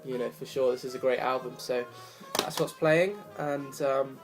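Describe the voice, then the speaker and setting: With a jazz record playing softly, a young man with a cold speaks to his camera about his vinyl collection. His medium-pitched voice is hoarse yet steady at a moderate pace, and his talk wanders apologetically with lots of fillers.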